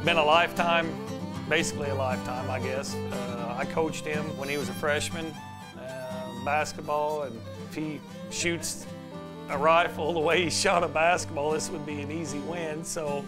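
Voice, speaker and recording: A man with a slightly high speaking voice hosts a relaxed farm show outdoors, cracking jokes and laughing often. Country music plays clearly under his voice. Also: moderate pace. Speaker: host. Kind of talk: casual chat.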